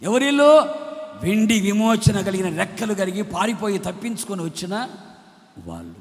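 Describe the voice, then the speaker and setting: A man preaching a sermon as pastor, swinging between shouted bursts and low, quiet lines. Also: big pitch swings, normal speed. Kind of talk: Telugu sermon. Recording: long hall reverb.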